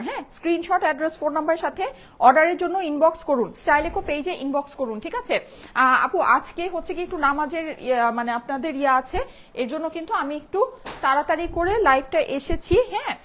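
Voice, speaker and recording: A woman hosting a live online sales stream, chatty and repeating how to order. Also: high-pitched. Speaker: online shop seller.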